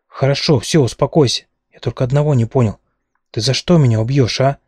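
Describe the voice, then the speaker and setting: A man's voice: mid-range voice, brisk, darkish tone, husky, no echo, lightly acted. Guy voicing a teasing young charmer, bantering, storybook reading, dry close sound.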